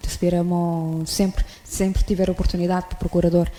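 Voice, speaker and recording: Dark-voiced woman radio host. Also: lowish voice, flat delivery, a little fast, in a large hall, slight background noise. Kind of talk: radio program sign-off.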